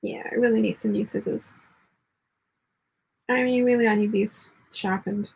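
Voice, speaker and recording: A woman hosting a casual live sewing hangout, talking through her work and chatting along, with a slightly husky voice. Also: medium pitch, fairly even intonation, moderate pace, a little mellow, poor audio. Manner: muttering commentary while working; reads chat messages aloud. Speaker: sewing livestream host.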